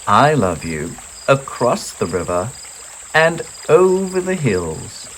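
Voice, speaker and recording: A woman voicing a big grown male hare in a children's storybook, a fond parent with a tender, drawn-out delivery. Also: a bass voice, very animated, slight background noise, pitched above the performer's own voice, heavily acted, low-quality recording. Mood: fond, playful. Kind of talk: children's storybook read-aloud.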